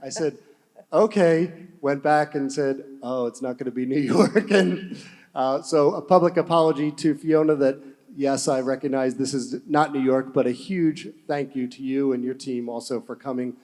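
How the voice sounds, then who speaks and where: A man's voice: medium pitch, steady tone, normal speed, a little mellow. A man on a conference panel, telling a playful, jokey story to the audience. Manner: playful storyteller, mimics accents. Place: conference hall. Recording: hall reverb from room mic.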